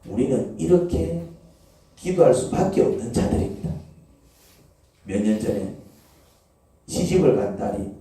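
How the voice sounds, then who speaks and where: A man's voice: on the high side, mellow. A male pastor preaching a sermon in a church, peppering the congregation with rhetorical questions. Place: church sanctuary. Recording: echoey church hall, from far off.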